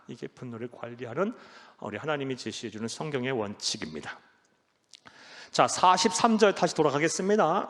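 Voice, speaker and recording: Gravelly-voiced preacher in an echoing church. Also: male voice. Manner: emphatic preaching, rising to loud exhortation then dropping low. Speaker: pastor. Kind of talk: sermon. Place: church sanctuary. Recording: church hall reverb.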